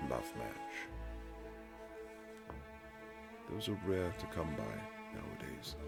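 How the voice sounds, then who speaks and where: Voicing a stiff, formal Regency husband whose tenderness comes out awkwardly, a man speaks in halting period language for a romantic audio roleplay. His gravelly voice is extremely low and heavily acted, and the tone is musing and wistful.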